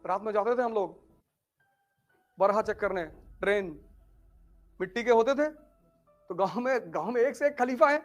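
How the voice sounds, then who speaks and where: High-voiced man telling jokey stories. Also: moderate pace, long pauses, soft background music. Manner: animated, joking, swings between loud and hushed. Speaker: motivational speaker. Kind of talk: humorous storytelling talk.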